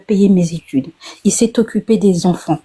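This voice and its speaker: Forties woman, mellow voice, chatty caller, hesitant restarts. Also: medium pitch, normal speed, husky. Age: 40s. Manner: hesitant, repeats words, then tells at length. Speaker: caller on a live talk. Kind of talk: casual personal testimony.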